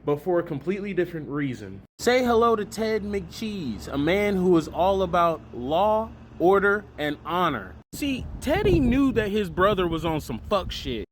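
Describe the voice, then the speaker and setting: A man's voice: sits high, fairly bright tone, slight background noise. A man telling a comedic story in profane, slangy, exaggerated style.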